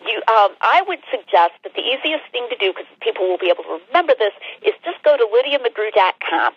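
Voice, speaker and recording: Woman guest over the phone, husky voice, dry and dull line, measured careful explainer. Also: fairly high pitch, very animated, dry recording. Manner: measured, with frequent "uh" hesitations. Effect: heard over the phone. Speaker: author being interviewed.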